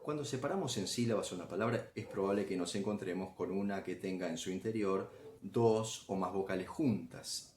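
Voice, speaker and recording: A man's voice: lowish voice, slight background noise. A man explaining grammar as a teacher, patient and step by step, often checking in with the listener.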